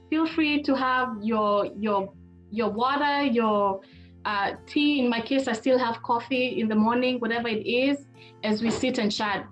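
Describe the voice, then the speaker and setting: On an online video call, a middle-aged woman from Kenya, a marriage therapist, presents a webinar and chats informally and directly with her audience. Her pitch is fairly high, and the recording sounds muffled.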